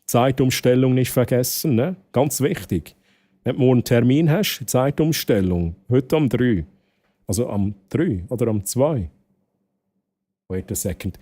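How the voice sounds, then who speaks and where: Man, Swiss German accent, mellow tone, casual streamer chat, rambling, repeated phrases, bits of English. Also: medium pitch, a little slow. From Switzerland. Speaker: game livestreamer.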